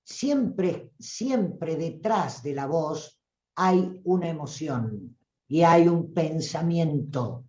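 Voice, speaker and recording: A woman with a Rioplatense Spanish accent, a voice coach giving an animated live-streamed talk who acts out voices and calls listeners "tribu". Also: sits low, extremely slow, echoey room, muffled recording.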